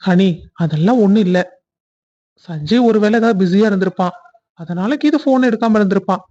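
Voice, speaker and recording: A man's voice: high-pitched, brisk, mellow, highs cut off. A man voicing the husband in a cartoon family story, talking sweetly on the phone and then fretting to himself.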